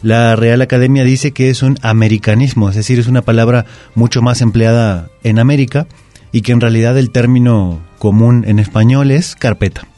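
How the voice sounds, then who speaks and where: Un hombre con acento mexicano, invitado experto en lengua, que explica reglas de ortografía en la radio con calma y tono didáctico. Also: male voice, medium pitch, moderate pace, no echo, faint music behind. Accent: Mexican Spanish. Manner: patient, didactic. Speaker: language expert guest. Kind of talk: explaining spelling rules on radio. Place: radio booth. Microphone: studio microphone.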